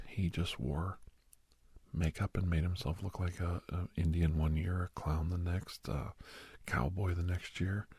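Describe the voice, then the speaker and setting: A man with a deep voice plays a calm, earnest doctor counseling a young werewolf in an ASMR role-play, and the performance is heavily acted. He speaks in a hushed, breathy, frequently whispered voice, slow and reassuring. The recording is dry.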